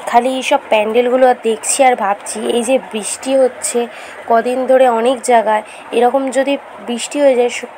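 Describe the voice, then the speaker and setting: A woman narrating a casual vlog, chatty and enthusiastic as she talks straight to her viewers, her voice hoarse after a fever. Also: fairly high pitch, a little mellow, slight background noise, rough recording. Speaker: vlogger.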